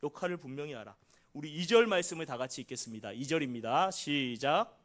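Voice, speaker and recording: A middle-aged man preaching a sermon as pastor, acting out quoted prayers with big shifts from loud cries to hushed pleading. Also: animated, a little fast. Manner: dramatic, acts out quoted prayers with big swings in pitch and volume.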